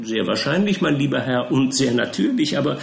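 A man's voice: medium pitch, big pitch swings, brisk, gravelly, slight background noise. A man reading an audiobook and voicing a little, fussy, self-important male lawyer with a bouncy, emphatic manner. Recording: roomy echo.

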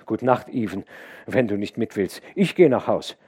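A man's voice: on the low side, animated, normal speed, dark tone, breathy edge. A man doing a wary, curt day laborer.

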